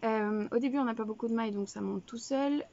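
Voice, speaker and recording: Chatty woman with a gravelly edge. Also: on the high side, brisk, a little mellow, lo-fi sound. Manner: chatty and rambling, many fillers and self-corrections. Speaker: knitting podcast host. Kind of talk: casual video podcast chat. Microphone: camera, showing items to viewers.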